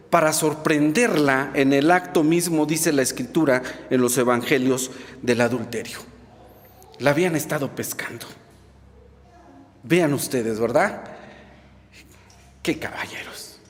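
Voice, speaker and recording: Lively high-voiced preacher in a reverberant church. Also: male voice. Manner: expressive storytelling, rhetorical asides to the congregation. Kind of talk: sermon. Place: church hall. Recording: long reverb in a church hall.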